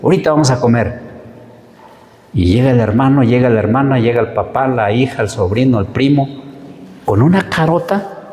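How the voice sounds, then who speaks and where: Mexican man, preacher, lively sermon, rhetorical questions, roomy church hall, long reverb. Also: medium pitch, fairly quick. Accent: Mexican Spanish. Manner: animated, acts out little quoted exchanges, many rhetorical questions.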